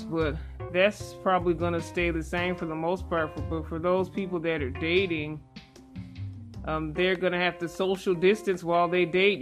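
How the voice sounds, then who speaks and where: Woman host speaking through a face mask. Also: fairly low pitch. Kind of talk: casual conversational interview. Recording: music playing behind the voice. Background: guitar music.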